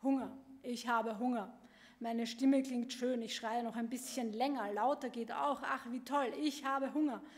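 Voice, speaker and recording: A woman's voice: sits high, moderate pace, close to an everyday voice. A woman voicing a hungry, demanding, sulky female baby bird, complaining over and over, at a public literary reading. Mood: demanding, whiny. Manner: whiny, repeated complaining. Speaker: author reading her own text. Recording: long hall reverb.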